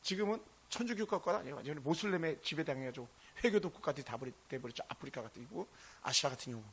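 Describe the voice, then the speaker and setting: A male pastor preaching a sermon, impassioned and swinging between loud exclamations and hushed asides. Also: on the high side, animated, rapid-fire, breathy edge.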